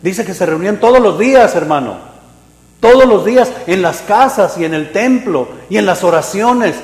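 Animated preacher in echoey hall. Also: male voice, high voice, moderate pace. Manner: animated preaching, acting out voices, swings from loud to hushed. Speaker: pastor. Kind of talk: sermon. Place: church hall.

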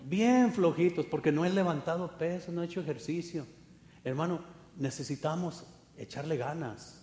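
A man preaching a fervent sermon, swinging from loud exhortation to quiet asides, in an echoey church hall. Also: a little high, normal speed, a little hiss or hum. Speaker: pastor.

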